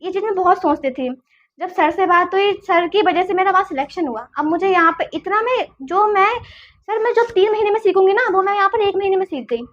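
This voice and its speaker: Young female guest, very high-pitched, earnest halting delivery, dull lo-fi recording. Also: fairly bright tone. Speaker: guest, junior civil engineer. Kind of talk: casual interview talk.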